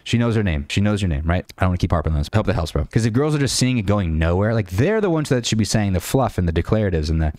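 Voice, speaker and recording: A man's voice: lowish voice, sing-song, rapid-fire, hardly any pauses, a little mellow, no room sound. A man giving blunt dating coaching in a rambling monologue, full of fillers and restarts. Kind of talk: screen-share critique monologue.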